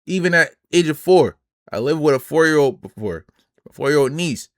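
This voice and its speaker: A man's voice: fairly high pitch, lively intonation, moderate pace, no echo. Blunt streamer guy in his 20s ranting in slang, dry close sound, voice drops off at the ends. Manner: blunt, emphatic, slangy, trails off quieter at phrase ends. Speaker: reaction streamer. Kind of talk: casual reaction commentary.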